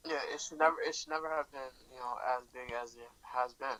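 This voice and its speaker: A man's voice: mid-range voice, steady tone, fast, bright, forceful tone, dry recording, rough recording. A twenty-one-year-old man chatting casually as a guest, rambling and restarting his sentences often. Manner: rambling with many restarts and fillers. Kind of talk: casual podcast chat.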